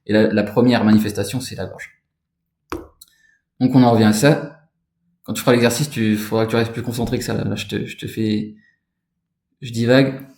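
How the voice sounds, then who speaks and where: Here the voice sits lower, fairly even in intonation and fairly quick, creaky and darkish, with frequent pauses and roomy acoustics. The same kind of spiritual energy teacher rambles casually about chakras and energy, addressing the listener directly.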